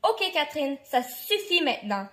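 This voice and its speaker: A woman voicing a stern but loving father in a storybook, scolding slowly and firmly. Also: high-pitched, very animated, bright, forceful tone, full character voice. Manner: slow, firm scolding.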